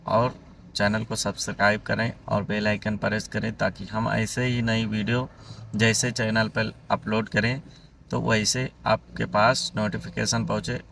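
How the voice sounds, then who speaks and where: A man with a low, gravelly and monotone voice closes out a channel video, talking straight to the viewers. He sits away from the mic, with faint noise in the background. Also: measured pace, far from the mic. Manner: flat, addresses viewers as friends. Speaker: channel host. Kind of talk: YouTube outro narration.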